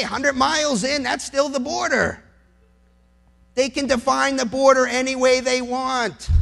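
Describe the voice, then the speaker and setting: A high-pitched American man with vocal fry and a fairly bright tone, a lawyer by trade, speaks passionately in public. He drives points home sardonically through rhetorical questions and deliberate repetition.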